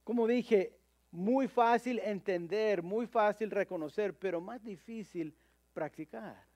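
High-voiced man preaching a sermon. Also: a little mellow, no echo. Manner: halting, with frequent repeated words and fillers.

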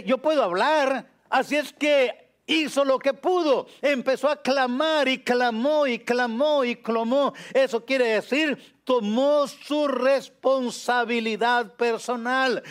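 A man preaching a sermon with a high voice and an unhurried delivery. He is emphatic and repeats his key phrases. He often sinks to a low, soft voice.

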